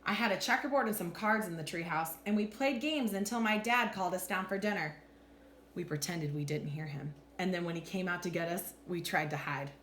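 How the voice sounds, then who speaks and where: A woman with a lowish voice reads a storybook aloud fairly quickly, teacher-style, animatedly acting out each line. The room is echoey, with faint noise in the background.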